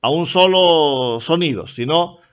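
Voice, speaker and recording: A man's voice: on the high side, slow, smooth. A man with a Peruvian Spanish accent teaching a language class, explaining step by step and often checking in with the students. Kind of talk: online class lecture. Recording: dull lo-fi recording.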